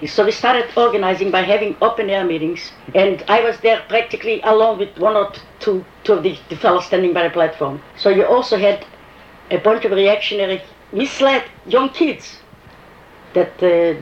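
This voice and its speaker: An oral history interview features an older, foreign-accented woman remembering her activism, animatedly telling her story and voicing the dialogue herself. She speaks fairly quickly in a mid-range voice, and the room sounds muffled and echoey with a faint hiss.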